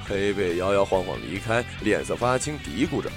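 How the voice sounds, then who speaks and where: A man narrating a story in a slow, expressive audiobook reading. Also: deep voice, over music.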